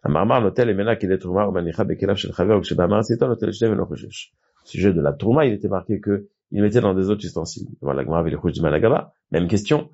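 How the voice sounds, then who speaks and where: A man's voice: low voice, racing, creaky, a little mellow. A man teaching a Talmud class who reads short phrases aloud and then explains them, with frequent restarts. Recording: dull lo-fi recording.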